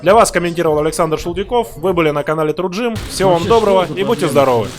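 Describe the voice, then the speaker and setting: Guy calling a fight live, voice a bit high, music and crowd going behind him. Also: lively intonation, rapid-fire. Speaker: fight commentator. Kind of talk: live sports commentary.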